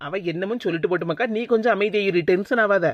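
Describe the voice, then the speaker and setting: A woman voicing a kindly cartoon aunt who calms the quarrelling girls, with a Tirunelveli Tamil accent. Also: mid-range voice, quick pace, lo-fi sound, heavy background noise, lightly acted. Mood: soothing. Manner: soothing, laughs easily. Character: kindly aunt, calm peacemaker. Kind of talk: cartoon voice acting.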